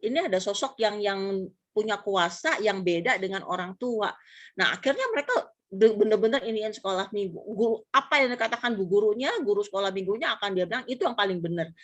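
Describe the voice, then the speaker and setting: A middle-aged woman talking casually about raising children, explaining patiently and acting out lively little quotes. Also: mid-range voice, brisk, lo-fi sound. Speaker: pastor's wife and mother, guest. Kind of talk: casual church talk.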